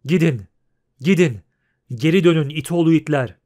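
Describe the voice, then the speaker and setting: A man voicing a wounded male cavalryman who shouts harsh orders at a crowd in an audiobook. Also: fairly high pitch, moderate pace, natural voice. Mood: furious.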